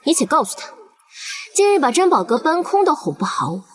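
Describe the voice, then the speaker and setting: Brief: a scornful, imperious noble lady, high and animated. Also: fairly quick. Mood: haughty. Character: haughty, vain young noblewoman.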